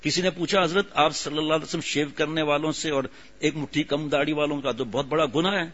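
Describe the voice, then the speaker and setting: Preacher with a lilt, slightly high. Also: male voice, fairly even intonation, a bit bright. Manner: conversational, scolding and joking, recites verse slowly. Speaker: religious preacher. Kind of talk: informal sermon with anecdotes. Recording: dull lo-fi radio recording.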